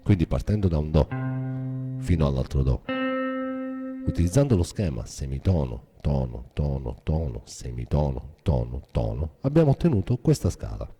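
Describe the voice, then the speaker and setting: Brief: very deep male guitar teacher, lively intonation, methodical, guitar heard behind. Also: normal speed. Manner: methodical, step-by-step instruction. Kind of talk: guitar lesson explanation.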